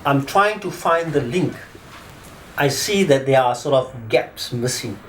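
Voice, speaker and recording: A mid-range, animated voice belongs to a South African lawyer in his fifties, speaking unhurriedly with a fairly bright tone during a casual oral-history interview. He rambles conversationally, full of fillers like "sort of," against a little hiss or hum.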